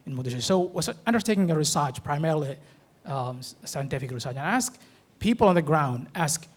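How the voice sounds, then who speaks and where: A man's voice: on the high side, expressive, brisk. A man from Somalia speaking up at a panel discussion, hesitant and full of fillers and restarts. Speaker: forum participant.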